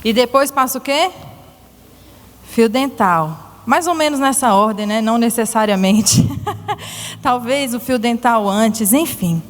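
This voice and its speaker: A woman telling a Bible story to children in a church, animated and asking them questions. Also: fairly high pitch, unhurried, in a large hall. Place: church hall.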